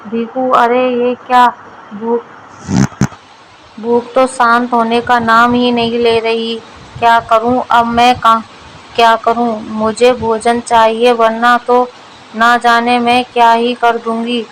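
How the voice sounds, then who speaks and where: A woman's voice: fairly high pitch, monotone, takes it slowly, fairly bright tone, a little hiss or hum, low-quality recording. A woman voicing a greedy, lazy village wife. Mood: ravenous.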